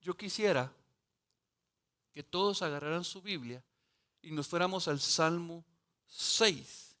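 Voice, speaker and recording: A man preaching a sermon as pastor, slow and emphatic, rising to fervent passages. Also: a little high, bright, forceful tone. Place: church sanctuary.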